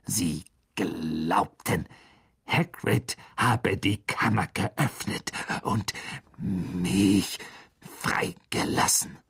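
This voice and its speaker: A man voicing an ancient, irritable, blind giant male spider in an audiobook, speaking in a slow, hissing half-whisper that drags out each word. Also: deep voice, creaky, a bit bright, husky, pitched below the performer's own voice, heavily acted. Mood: indignant. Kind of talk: audiobook character voice.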